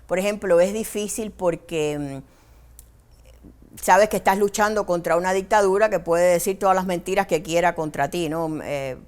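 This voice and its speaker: A middle-aged Cuban woman journalist, a guest in an interview, recounting memories with animated quoted dialogue and frequent restarts. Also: fairly low pitch, measured pace. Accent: Cuban Spanish. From Cuba. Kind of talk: emotional personal storytelling.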